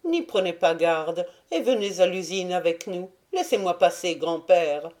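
A woman's voice: lowish voice, lively intonation, measured pace, darkish tone. A woman reading an audiobook voices a proud young woman who speaks curtly and coldly. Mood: defiant.

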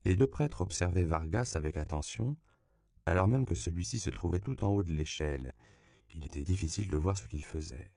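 A man narrating an audiobook in a measured, even reading. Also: low voice, creaky, dry recording. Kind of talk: scripted narration.

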